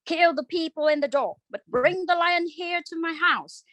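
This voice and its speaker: A woman voicing a cruel, gloating wicked witch in a storybook reading, with slow, cackling delivery. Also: very high-pitched, a bit bright, dry recording. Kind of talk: storybook read-aloud for English learners.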